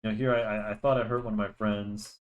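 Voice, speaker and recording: Talking fast with a lowish voice and flat delivery, a young man chats casually over his drawing, full of fillers and false starts. A cold leaves him slightly nasal, and the desk-microphone recording of this drawing channel host sounds muffled.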